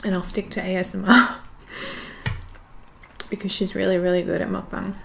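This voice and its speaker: Shy young woman talking while she eats, bit of fry, kinda monotone, lots of ums, faint hiss behind. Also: mid-range voice, normal speed. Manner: shy and awkward; hesitant, many ums and trailing sentences. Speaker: YouTube creator. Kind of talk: casual mukbang chat while eating. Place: at home indoors by a window.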